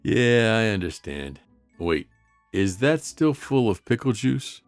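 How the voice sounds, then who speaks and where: A man voicing a big, gruff but patient guard dog with a deadpan, weary manner in a comic dub. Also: fairly low pitch, takes it slowly, dry recording, faint music behind, full character voice.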